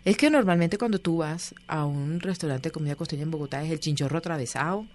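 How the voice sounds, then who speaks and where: A woman's voice: sits low, fast. A woman, a guest telling stories in a casual interview and acting out the voices of the people she quotes. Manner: animated, acts out quoted voices.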